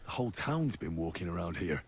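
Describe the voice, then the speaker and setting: An actor playing a determined young man investigating a murder in a video game, earnest and steady. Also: deep voice, a little fast, vocal fry, husky, full character voice. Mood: thoughtful. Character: determined young male medieval hero.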